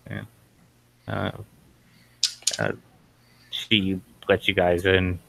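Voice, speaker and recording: A man's voice: sits low, little pitch movement, extremely slow, vocal fry, a bit bright, slight background noise, rough recording. A man narrating as game master, hesitant and full of fillers.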